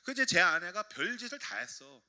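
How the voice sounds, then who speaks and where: A middle-aged man preaching a sermon as pastor, animated and expressive, loud in exhortation and soft when telling family stories. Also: high voice, a little fast.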